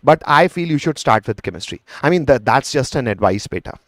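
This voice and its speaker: Male teacher, Indian accent, mid-pitched voice, close dry sound. Explains step by step to exam students, conversational, with Hindi mixed in. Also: expressive, a little fast, fairly bright tone, no room sound. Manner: mixes Hindi into English, addresses students as beta. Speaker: chemistry teacher. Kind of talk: live online exam lesson, explaining and answering student questions.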